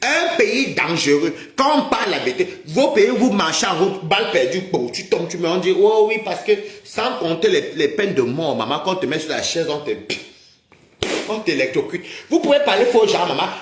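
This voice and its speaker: A man's voice: high-pitched, big pitch swings, a little fast. Roomy-sounding agitated man ranting. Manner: mocking, scolding, repeatedly addresses viewers as maman. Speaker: livestream host. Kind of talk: heated livestream rant to viewers.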